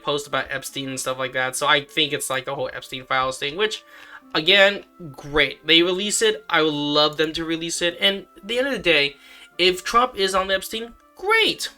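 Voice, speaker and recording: A man talking in a casual commentary vlog, rambling with many fillers and sudden jumps up in pitch. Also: sharp tone. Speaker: vlogger.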